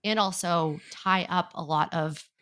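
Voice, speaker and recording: A woman's voice: lowish voice, unhurried, fairly bright tone. A woman with a Boston accent co-hosting a business podcast, talking in an upbeat, enthusiastic way. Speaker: podcast co-host. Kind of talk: casual podcast conversation.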